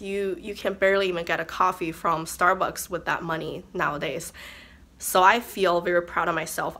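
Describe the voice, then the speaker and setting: A woman's voice: on the low side, sharp tone. A woman beauty vlogger with a sick voice, chatting casually to camera about her spending. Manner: chatty, self-reassuring, talks through numbers.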